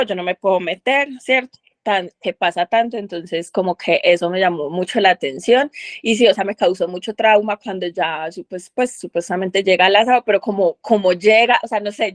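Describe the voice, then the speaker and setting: This dry recording captures a mid-range female voice. She's in a book club's casual group chat, wandering through her ideas with lots of filler words and false starts.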